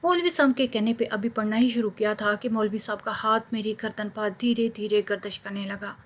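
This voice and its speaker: A woman narrating a first-person story in a steady, earnest storytelling manner. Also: medium pitch, a little fast.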